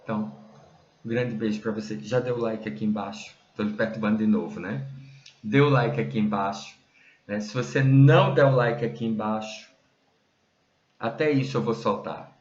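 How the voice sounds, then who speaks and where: A man's voice: lowish voice, normal speed, darkish tone. A man teaching a meditation method straight to the viewer, conversational and full of tag questions. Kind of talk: direct-to-viewer teaching talk. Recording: roomy, dull lo-fi sound.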